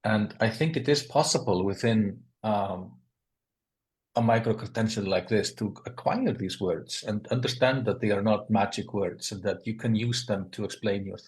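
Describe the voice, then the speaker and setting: A man speaks on a webinar panel, his voice sitting fairly low. He talks thoughtfully and pauses to search for his words as he explains his views. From Iceland.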